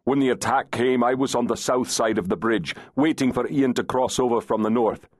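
A man's voice: medium pitch, normal speed, no room sound, studio quality, voice pushed up, natural voice. A man doing a stern Scottish laird. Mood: restrained. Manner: clipped, restrained, growling. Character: stern, controlled Scottish laird, proud and irritable. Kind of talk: audiobook character voice.

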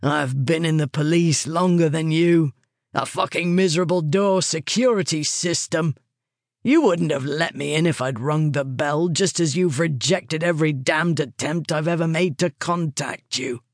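A woman's voice: deep voice, moderate pace, dry recording, studio quality. A woman reading the part of a big, run-down former policeman who swears and pleads in an audiobook thriller. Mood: bitter. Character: big desperate male ex-cop, gruff.

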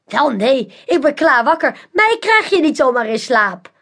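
A woman's voice: sits high, sing-song, a bit bright, full character voice. A woman doing a boastful, jovial audience man. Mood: cocky. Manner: jovial, bragging, quick. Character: boastful grown man in a circus audience, laughing and cocky.

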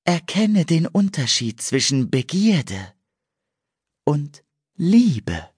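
A male audiobook narrator voicing an ancient male nymph who chants a prophecy in a slow, high, drawn-out way. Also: very animated, darkish tone, breathy edge, no room sound, studio quality, full character voice. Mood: prophetic. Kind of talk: audiobook character voice.

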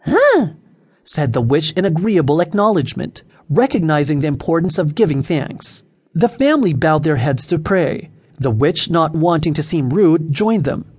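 A man narrating a children's audiobook in an expressive storytelling way. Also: a little high, normal speed, slightly rough.

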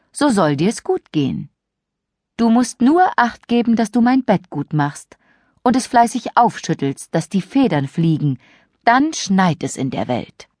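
A woman voicing a kindly, gently authoritative old magical woman in fairy tale narration, reassuring and measured. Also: mid-range voice, no room sound, studio quality.

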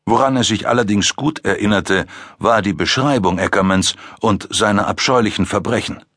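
A man narrating a thriller audiobook with a measured, suspenseful delivery. His voice is bright and a bit husky, captured on a close studio mic with a dry, roomless sound. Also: fairly low pitch, dry recording.

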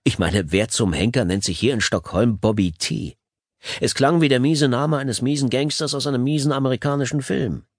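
A man's voice: mid-range voice, normal speed, no echo. A man narrating an audiobook in the first person, with a sardonic, dry wit.

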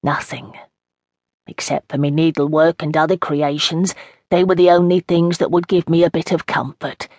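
A woman's voice: sits low, fairly even intonation, moderate pace, a little mellow, no echo. A woman reading an audiobook as a chatty woman in her seventies with an East End London accent, homely and rambling. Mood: wistful. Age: 70s. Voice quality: homely, rambling, dialect grammar. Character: frail chatty old East End woman, long institutionalised. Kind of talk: audiobook narration in character.

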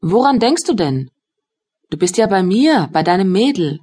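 A woman voicing a tender, anxious young woman in an audiobook, speaking gently and caringly to her partner. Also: medium pitch, very animated, normal speed, slightly rough. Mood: worried. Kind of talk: audiobook dialogue reading.

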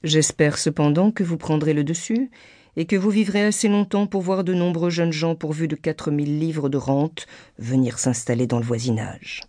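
A woman reading an audiobook, voicing a dry, sarcastic middle-aged husband who teases calmly and ironically. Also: sits low, normal speed, no echo. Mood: teasing. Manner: calm, teasing, ironic.

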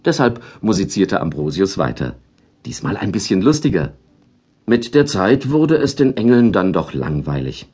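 Storyteller man reading to kids, husky low voice, lots of melody. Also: normal speed. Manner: lively, expressive storytelling. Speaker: audiobook narrator.

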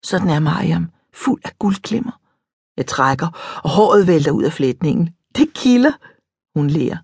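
A woman narrating an audiobook in a calm, reflective first-person storytelling manner. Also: deep voice, gravelly, slightly rough, no room sound, clean studio sound. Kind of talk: scripted narration.

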